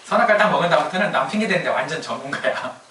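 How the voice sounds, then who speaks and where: A man's voice: on the high side, animated, rapid-fire, bright, forceful tone, a little hiss or hum. A male pastor giving a casual, conversational sermon, often asking the congregation questions and laughing at his own jokes. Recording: echoey hall, mic at a distance.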